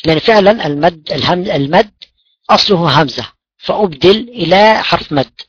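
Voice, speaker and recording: A man's voice: sits high, animated, a little fast, breathy edge, no room sound. A man teaching Quran recitation rules, patiently posing questions and answering them himself, repeating key words. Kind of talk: explaining tajweed rules. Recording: dull lo-fi dry recording.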